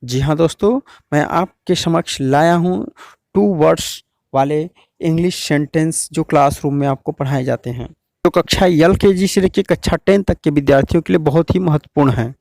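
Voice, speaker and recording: Male teacher, slow repetitive drilling, fairly high voice, dry sound. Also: vocal fry, darkish tone, dry recording. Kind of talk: classroom English lesson.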